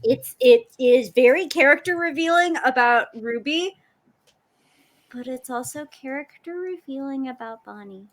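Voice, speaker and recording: Woman, high-pitched, very slow delivery, casual tabletop player chat. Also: expressive.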